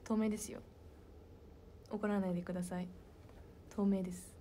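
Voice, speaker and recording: Soft-spoken young woman chatting with fans. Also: medium pitch, level tone, moderate pace, a little hiss or hum. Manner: soft-spoken and chatty, drops into whispered asides. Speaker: idol talking with fans. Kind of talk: casual chat answering fan questions.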